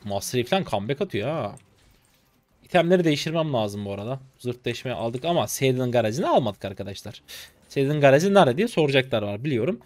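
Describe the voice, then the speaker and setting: A young man from Turkey streams a game and chats non-stop with his viewers, excitable and teasing. His voice leaps up and down in pitch with real animation. The sound is dry and close to the mic, with no room around it. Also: fast, dry recording. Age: 20s. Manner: excitable, chatty, talks to chat, bursts of laughter and teasing. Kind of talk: live gameplay commentary.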